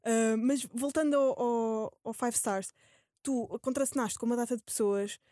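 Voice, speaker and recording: A woman's voice: on the high side, steady tone, moderate pace, warm tone, dry recording, clean studio sound. A young woman with a European Portuguese accent hosting a casual interview, informal and slangy with English words mixed in. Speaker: podcast host.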